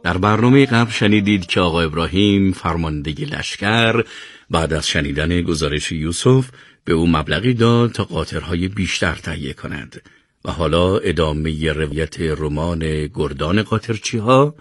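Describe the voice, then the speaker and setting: A man narrating a serialized radio novel in an expressive storytelling voice. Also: sits low, dry recording, studio quality. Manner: expressive storytelling, greets listeners. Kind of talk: scripted narration.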